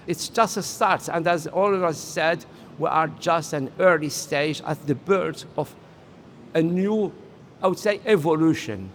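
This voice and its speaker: Middle-aged Moroccan industry guest, earnest, searching for words, faint background hum. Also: male voice, a little high, measured pace. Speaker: interview guest, solar industry executive. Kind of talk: casual interview talk. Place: solar trade conference.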